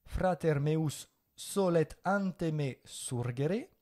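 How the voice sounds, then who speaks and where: A man from France leads a living Latin lesson, switching between Latin and French as he explains. His voice is mellow, and he corrects mistakes patiently. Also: a little high, lively intonation, extremely slow. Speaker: Latin teacher. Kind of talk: spoken language lesson.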